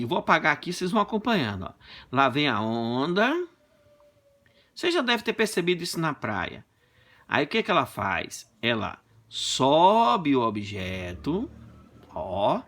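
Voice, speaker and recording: A man teaching a physics class in a classroom, explaining with playful, animated stories. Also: a little high. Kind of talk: lively classroom lesson with comic anecdotes. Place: classroom with a whiteboard.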